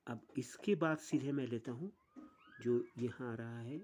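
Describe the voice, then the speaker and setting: A man teaching an online music lesson, explaining step by step with pauses. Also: mid-range voice, darkish tone, a little hiss or hum.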